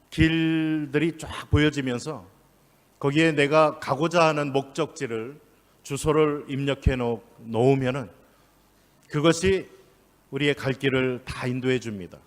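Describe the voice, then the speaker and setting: Man, pastor, sermon, emphatic preaching, slightly high voice, long hall reverb. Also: a little slow, long pauses. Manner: emphatic preaching with rising, stressed phrases. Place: church sanctuary.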